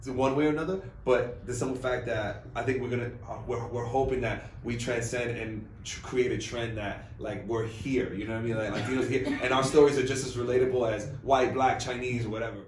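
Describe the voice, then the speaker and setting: Fast-talking man in a roomy space. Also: medium pitch. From New York. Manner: fast, animated, jokey. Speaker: lead actor. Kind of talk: press junket interview. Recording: roomy, distant mic, faint noise.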